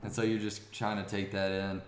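A man's voice: fairly low pitch, a little fast, a little hiss or hum. A young man, a former quarterback, tells a long story in a casual interview, rambling with restarts. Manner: rambling, many restarts, grows excited. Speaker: former college quarterback guest. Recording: echoey room.

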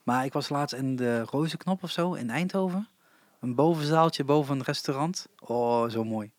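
A man's voice: medium pitch, normal speed, no echo. A man chatting casually about small concert venues, with frequent hesitations. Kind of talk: casual chat about live music venues.

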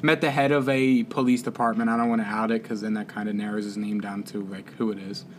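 A man's voice: on the low side, little pitch movement, fast, a little hiss or hum. A man co-hosting a sports podcast, talking loosely and rambling with lots of fillers and laughter. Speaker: podcast co-host. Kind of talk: casual sports chat.

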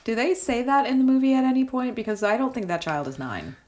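A woman's voice: on the high side, expressive, quick pace, a little mellow. A woman co-hosting a casual film discussion, chatty and filler-heavy, often checking in with "right?". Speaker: podcast co-host.

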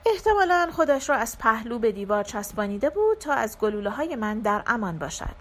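A woman reading a literary short story aloud as an audiobook narrator, in a measured, dramatic first-person style. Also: on the high side, very animated.

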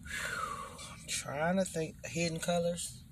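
A man co-hosting a casual podcast chat, relaxed and agreeable. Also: a little high, slow, noisy background. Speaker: podcast co-host.

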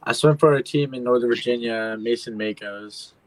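A teenage boy, a high school swimmer, calling in eagerly and a little shyly on a video call. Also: normal speed, dry recording, poor audio. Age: teen. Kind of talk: casual chat.

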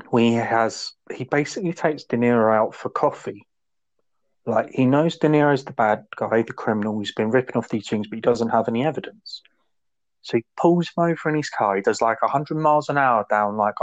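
A man chats casually and with enthusiasm about a film he loves, rambling from scene to scene. His pitch is middling and steady. The recording is slightly dull and lo-fi. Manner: enthusiastic, rambling, acts out quotes. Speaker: podcast co-host. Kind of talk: casual film review chat.

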